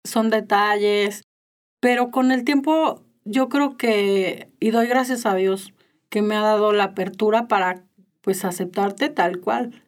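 Middle-aged Mexican mother, gentle tone. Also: mid-range voice, takes it slowly. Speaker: guest, mother. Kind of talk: casual chat.

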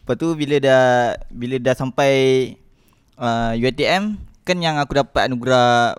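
A man's voice: mid-range voice, normal speed, clear, resonant tone, no room sound, studio quality. A young man with a Malaysian Malay accent, telling rambling, self-mocking stories in a casual podcast chat. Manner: rambling, self-mocking storytelling with repeated restarts.

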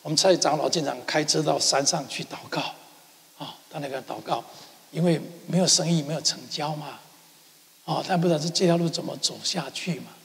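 A pastor with a somewhat high, gravelly voice, delivering a sermon in a church. He brings his story to life by acting out dialogue and adding sound effects. The sound rings out with a long hall reverb. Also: a little fast. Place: church sanctuary.

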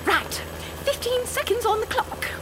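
An actress playing a brisk, cheerful female Ministry official who wipes memories, with a crisp chirpy delivery. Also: extremely high pitch, expressive, very noisy.

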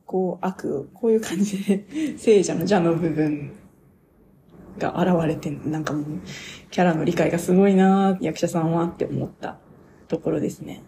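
A young woman talking casually on her own radio show, reviewing a stage play as an excited, gushing fan who laughs often. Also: on the low side, moderate pace, slight background noise. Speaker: podcaster.

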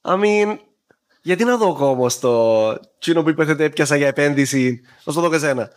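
A man with a Cypriot Greek accent explaining things in a casual conversation, dropping English terms into his informal speech. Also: fairly high pitch. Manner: mixes English tech terms into informal Greek, acts out small examples.

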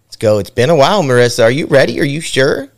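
A man's voice: mid-range voice, lively intonation, fast. A man casually chatting, then hosting a mock game show on a podcast, loose and joking, swearing freely. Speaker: host.

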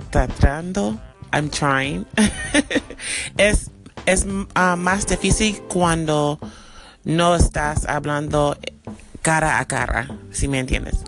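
A native English speaker talking casually and haltingly in a voice message, searching for words. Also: medium pitch, fairly bright tone.

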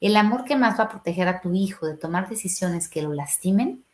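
A woman's voice: on the low side, expressive, a little fast. A middle-aged woman, a family therapist explaining parenting advice on a podcast and acting out questions parents might ask. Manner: explanatory, acts out parent and child questions in a raised voice.

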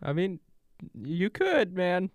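A young man co-hosts a podcast with a teasing, laugh-prone manner. His slightly higher voice swings widely in pitch, sounds smooth and clear, and is recorded dry and close. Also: big pitch swings, takes it slowly, no room sound. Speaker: podcast co-host. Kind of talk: casual chat.

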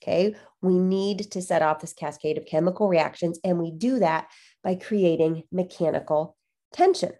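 A woman's voice: fairly low pitch, moderate pace, warm tone. A woman hosting a solo podcast, explaining things conversationally and emphatically, with a nasal voice stuffed up by a cold. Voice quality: nasal, congested. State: has a cold. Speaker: podcast host.

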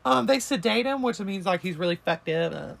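Young woman co-host, loose and profane, with a lively, fry-tinged voice. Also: medium pitch, fairly quick. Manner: rambling, swearing, giggly. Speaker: podcast co-host. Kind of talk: casual chat.

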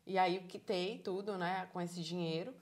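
Thirties woman, Bahian Brazilian accent; animated, encouraging interviewee. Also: fairly low pitch, normal speed. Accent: Bahian Brazilian Portuguese. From Salvador, Bahia, Brazil. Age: 30s. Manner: animated storyteller, acts out quoted dialogue, encouraging. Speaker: interviewee, psychologist living abroad. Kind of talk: casual conversational interview.

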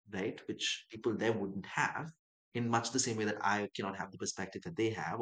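A young man from Dubai and Chennai, a writer, appears as an interview guest and speaks in a thoughtful, musing way, acting out the voices he quotes. His voice sits on the low side, and the audio quality is poor.

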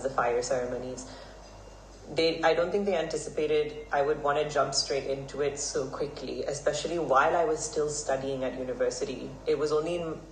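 A young man in his twenties from Hong Kong, answering podcast interview questions in an earnest, measured way with some fillers. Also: medium pitch. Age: 20s. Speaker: guest, Vedic pandit. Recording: roomy, somewhat distant mic, faint noise.

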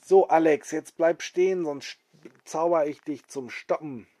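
A man's voice: fairly high pitch, unhurried, warm tone, no echo, pitched above the performer's own voice. A man voicing a small, bossy magical helper in an improvised children's story, calling out orders.

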